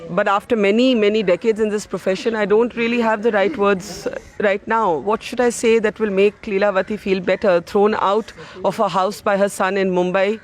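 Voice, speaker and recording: A man's voice: high-pitched, fairly even intonation. A man reporting earnestly from an outdoor railway station and interviewing an elderly woman. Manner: earnest, measured. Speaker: news reporter. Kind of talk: field news report.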